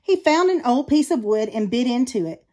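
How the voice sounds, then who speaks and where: A woman reads a children's storybook aloud, narrating expressively. Her voice is on the high side and her pace is normal.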